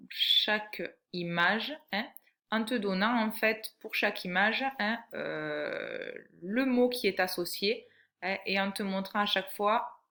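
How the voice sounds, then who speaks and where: Woman teacher for young kids: slow, bright, patient, every word spelled out clearly. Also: mid-range voice. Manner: patient, clearly articulated, addressing the child as tu. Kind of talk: slow lesson for young children.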